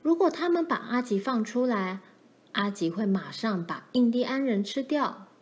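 A woman's voice: on the high side, animated, moderate pace, natural voice. A woman voicing a timid little pioneer girl who speaks small and hesitant.

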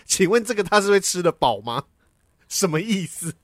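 A man's voice: high-pitched, very animated, normal speed, no echo, studio quality. A man co-hosting a casual chat podcast, dramatically retelling a story with laughs and the odd swear. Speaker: podcast co-host.

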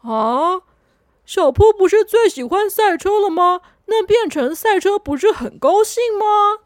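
A woman's voice: extremely high pitch, expressive, no room sound, clean studio sound, pitched above the performer's own voice. A woman voicing a careless, easygoing guide who drawls and hurries others along. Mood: breezy. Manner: easygoing, drawn-out.

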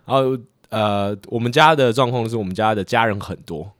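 A man's voice: fairly low pitch, a little fast, a bit bright, no echo, studio quality. A young man, co-hosting a podcast and telling an embarrassing family story in a rambling way with frequent laughs. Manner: rambling, laughs often at his own story. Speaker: podcast co-host. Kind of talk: casual storytelling chat.

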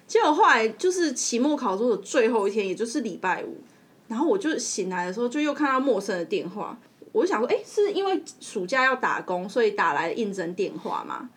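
Lively Taiwanese woman telling a story. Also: fairly high pitch, a little fast. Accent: Taiwanese Mandarin. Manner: animated, laughing while telling a story. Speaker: podcast co-host. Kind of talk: casual storytelling chat.

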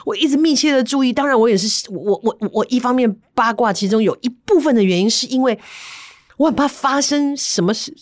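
A woman podcast host, telling a story in lively chat, acting out sounds. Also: fairly high pitch, fairly quick, no echo, studio quality. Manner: animated, acts out sounds and voices.

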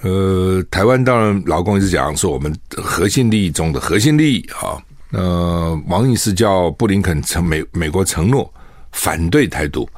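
A man's voice: low-pitched, expressive, moderate pace, no room sound, clean studio sound. An older man with a Taiwanese Mandarin accent who hosts a solo political commentary show. He talks conversationally, asks rhetorical questions and acts out both sides of an argument. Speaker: host.

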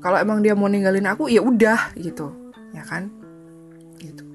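A woman's voice: mid-range voice, moderate pace, soft background music. A woman in her thirties hosting a casual solo podcast, chatty and confessional, often laughing and slipping into English phrases. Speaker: podcast host.

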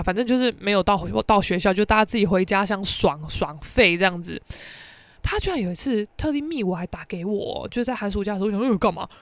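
A woman's voice: mid-range voice, no echo. A young woman with a Taiwanese Mandarin accent hosting a podcast, telling a story in a brash, blunt way and swearing freely. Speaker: podcast host. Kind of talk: casual storytelling rant.

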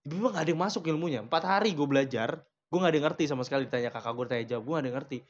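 A young man chatting casually as a podcast co-host, telling stories and teasing his friends in slangy talk. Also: on the high side. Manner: teasing, storytelling, quick slangy Jakarta talk. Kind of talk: casual chat. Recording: slightly dull podcast recording with faint noise.

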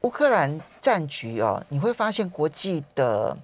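A woman's voice: deep voice, sing-song, measured pace. A woman with a Taiwanese Mandarin accent hosting a current affairs talk show, conversational and posing questions with pointed asides. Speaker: radio talk show host.

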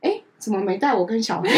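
A woman co-hosting a chat podcast, telling a family story in a lively way and acting out relatives' lines. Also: recorded from a distance, very noisy. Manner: animated, acts out family members' lines with big pitch jumps. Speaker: podcast co-host.

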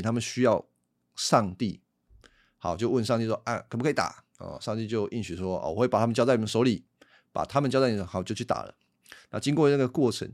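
A man's voice: mid-range voice, no echo, clean studio sound. A man teaching the Bible on a podcast, explaining things conversationally and asking rhetorical questions.

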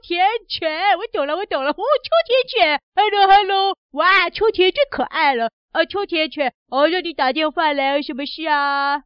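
Woman host, high, lively, teasing; dry, dull recording. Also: no room sound. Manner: exaggerated, teasing, many drawn-out oh's. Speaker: children's podcast host. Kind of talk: playful phone-in skit.

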